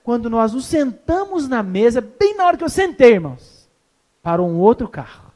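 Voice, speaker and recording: A man's voice: very high voice, big pitch swings, normal speed, dark tone. A man preaching an evangelistic sermon as a pastor. He tells a story, acts out the dialogue and keeps asking the congregation questions.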